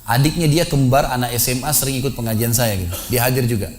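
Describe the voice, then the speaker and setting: A male preacher speaks quickly, in an animated storytelling style, acting out the people he describes. He breaks into sudden loud, emphatic bursts as he addresses a congregation in a mosque hall. His voice sits at a middling pitch. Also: slight background noise. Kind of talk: sermon.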